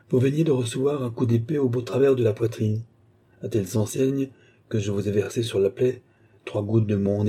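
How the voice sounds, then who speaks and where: A man's voice: mid-range voice, warm tone, husky, natural voice. A man reading aloud and voicing a suave, courtly sorcerer who speaks with sly assurance in an audiobook.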